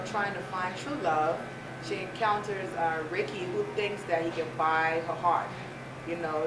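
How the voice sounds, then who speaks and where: Actress chatting about her part, upbeat, lots of ums, noisy background. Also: lowish voice. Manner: upbeat, many fillers. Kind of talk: casual interview talk. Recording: echoey and distant with noise. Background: ambient noise.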